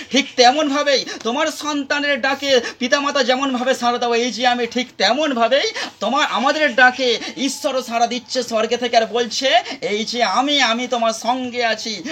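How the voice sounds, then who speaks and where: A man's voice: very high-pitched, fairly bright tone. A man with a Bengali accent, preaching a sermon as pastor, repeating phrases for emphasis. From India. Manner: repetitive, emphatic preaching with rising calls.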